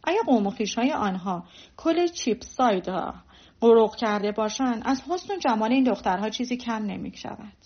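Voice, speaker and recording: A woman voicing a kindly, good-natured young gentleman in a storybook reading. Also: fairly high pitch, expressive, breathy edge. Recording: dull lo-fi recording.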